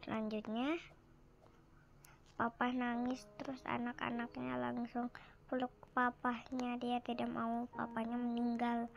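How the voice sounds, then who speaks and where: A woman telling a sad family story off the cuff, halting and restarting, acting out the family's lines. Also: on the high side, vocal fry. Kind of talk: improvised spoken story.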